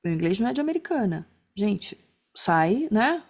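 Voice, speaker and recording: A woman teaches an online class in a casual, chatty way, often ending sentences with little check-ins and plenty of fillers like né and tá. Her medium-pitched voice is a little mellow, with big pitch swings and a moderate pace.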